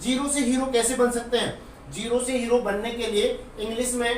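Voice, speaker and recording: A man's voice: very high voice, fairly even intonation, moderate pace, slight background noise. A man teaching an English lesson, explaining patiently and repeating example words to drill them. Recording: very echoey room, far from the mic.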